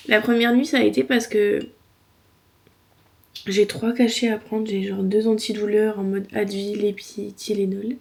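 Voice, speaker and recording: A woman's voice: medium pitch, creaky, darkish tone. A woman chatting casually to camera in slangy, informal speech, her mouth sore and swollen after wisdom teeth removal, complaining lightly. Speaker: vlogger.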